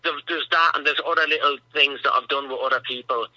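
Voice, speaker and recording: A man's voice: mid-range voice, fairly even intonation, quick pace, bright, forceful tone, no echo, highs cut off. A male comedian guest in a casual radio interview, rambling through funny stories and chuckling at his own punchlines.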